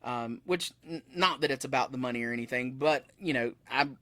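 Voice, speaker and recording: A musician in his thirties chats as an interview guest, telling stories in a casual, rambling way and frequently correcting himself. His medium-pitched voice is brisk, pushed and bright, and the recording is dry. Metal posters hang in the room behind him.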